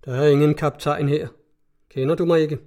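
A man's voice: a little high, flat delivery, warm tone, lightly acted. A man voicing an irate male customs-cutter captain who curses and barks orders, in a read-aloud story. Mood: stern. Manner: gruff, cursing, barking orders.

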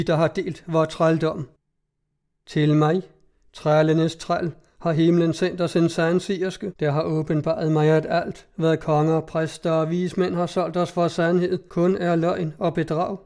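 A proud outlaw chieftain rallying his band, as a male reader puts him on, slow and booming. His voice sits a touch high for a man. It comes from a storybook read aloud. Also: little pitch movement, a little mellow, lightly acted. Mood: rousing. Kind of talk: storybook reading.

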